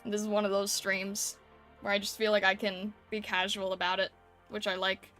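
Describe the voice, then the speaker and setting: A woman's voice: mid-range voice, monotone, normal speed, sharp tone. A woman livestreamer talking casually and conversationally with her viewers, often seeking agreement with tag questions. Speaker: streamer hosting an art livestream. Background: background music.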